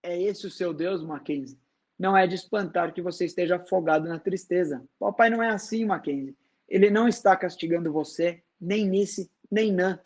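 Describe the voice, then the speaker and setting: A wise, serene woman, read by a man with a high voice in a dramatized book reading. She speaks softly and slowly but never gives ground. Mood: gentle, firm. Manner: soft, slow and firm. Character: calm wise woman, gentle and insistent.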